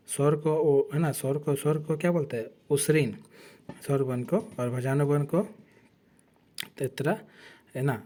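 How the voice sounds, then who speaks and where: Mellow-voiced man teaching an exam-prep class. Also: a little high. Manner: explains from a slide, correcting himself often.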